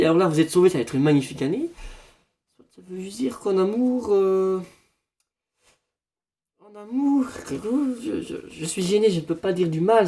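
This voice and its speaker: A man's voice: a little high, warm tone. A man doing a parody horoscope reading, rambling in a mock-solemn fortune-teller manner. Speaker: comedian.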